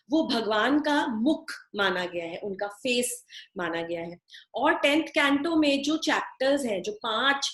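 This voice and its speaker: A woman giving a devotional scripture lecture, explaining slowly and repeating key phrases, and now and then chanting Sanskrit verses. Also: a little high, fairly bright tone, echoey room. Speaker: scripture teacher.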